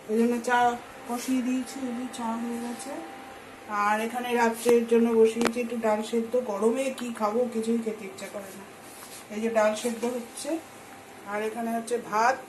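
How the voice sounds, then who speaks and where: A woman's voice: fairly high pitch, flat delivery, normal speed, echoey room, background noise. Chatty woman vlogging from her kitchen. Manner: chatty, talking to viewers while cooking; speaks softly so as not to wake the household. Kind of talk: casual home vlog narration. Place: home kitchen.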